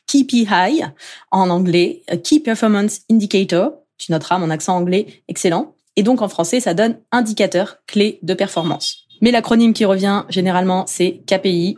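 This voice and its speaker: A woman's voice: medium pitch, darkish tone, breathy edge. A woman in her thirties hosting a solo podcast as a productivity coach, chatty and upbeat, talking straight to the listener.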